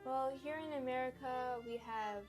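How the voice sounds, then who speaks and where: A woman's voice: sits high, moderate pace, faint music behind. A young female interviewee answering questions in a casual, chatty way.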